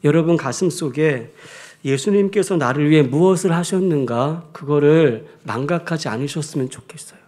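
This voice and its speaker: A man's voice: on the high side, moderate pace, a little mellow. A male pastor preaching a sermon, telling a story and raising his voice for the quoted lines.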